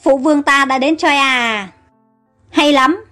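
Storybook prince, scheming and proud, read by a woman, high voice. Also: slow, bright, forceful tone, soft background music, exaggerated voice. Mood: commanding. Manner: mocking, self-assured.

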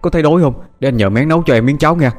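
A man's voice: fairly high pitch, very fast, soft background music, voice pushed up, natural voice. A man as a worried, caring older brother. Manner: gentle, anxious, concerned.

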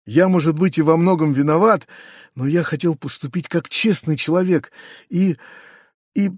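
A man voicing a kind, excitable middle-aged uncle who gushes, hurries and stammers. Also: on the high side, moderate pace, no echo, studio quality, lightly acted. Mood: gushing.

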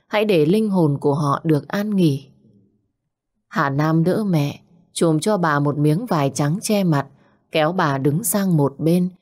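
A woman telling an audio story as a narrator, in a slow and somber way. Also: sits low, darkish tone.

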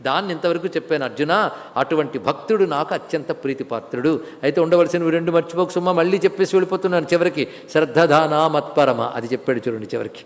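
A male spiritual lecturer giving a devotional scripture discourse, chanting verses in a sung cadence and then explaining them with lively storytelling. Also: on the high side, fast talker. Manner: storytelling with lively rises and drops. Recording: long hall reverb.

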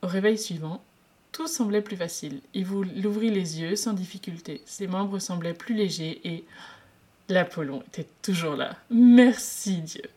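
Woman reading fan fiction, somewhat low. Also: moderate pace, darkish tone, husky. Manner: unedited reading with slips and restarts. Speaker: reader.

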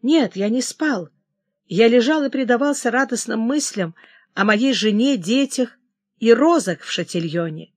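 Old admiral near death, calm and grave, dry close sound, read by a woman. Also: on the high side, measured pace, no room sound.

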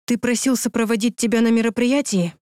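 A man's voice: extremely high pitch, steady tone, brisk, darkish tone, no room sound, studio quality, voice pushed up. A man voicing a young woman who speaks coldly and firmly in an audiobook. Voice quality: cool, clipped delivery. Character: young woman, cold and firm.

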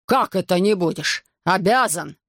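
A man voicing a gruff, suspicious middle-aged army major who talks bluntly. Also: high voice, expressive, unhurried, a bit bright, no room sound, clean studio sound, heavily acted. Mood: angry.

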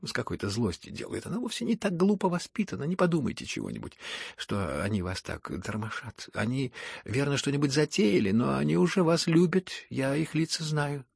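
A man's voice: lively intonation, normal speed, hardly any pauses, no echo, studio quality, heavily acted. A man voicing a scolding, indignant older mother. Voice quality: husky. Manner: indignant, scolding, rises high and loud. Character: older woman, indignant general's wife, bossy mother.

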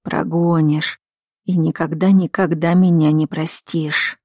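A woman voicing a desperate, pleading adult man, murmuring in a hushed, slow way. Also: deep voice, little pitch movement, no echo, clean studio sound. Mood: anxious.

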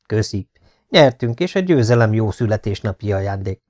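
A man's voice: fairly low pitch, lively intonation, darkish tone, close to an everyday voice. Man voicing a young ballplayer, cocky, brash, teasing, audiobook. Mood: cheerful. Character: cocky young male ballplayer, joking brother.

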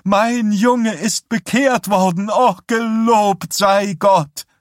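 A man's voice: medium pitch, expressive, a little slow, a little mellow, husky, dry recording, pitched above the performer's own voice. A devout middle-aged mother with a raised, fervent voice that swells into exclamations of praise, as a man reading an audiobook puts her on. Her tone is overbearing and pious. The recording is dry and close. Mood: ecstatic.

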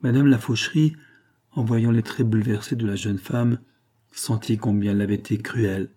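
A man narrating a novel as an audiobook, in a steady, measured storytelling manner. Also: fairly low pitch, slightly rough.

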